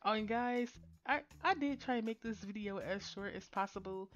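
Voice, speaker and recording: A woman's voice: medium pitch, normal speed, dull audio, soft background music. A woman narrating her nail art tutorial in a casual, chatty voice-over that rambles with fillers and restarts.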